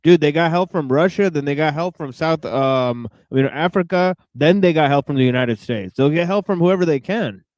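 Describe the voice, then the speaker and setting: A man's voice: fairly high pitch, moderate pace, few pauses, a little mellow, no echo. A man in casual, crude chat, talking bluntly and dismissively with some swearing.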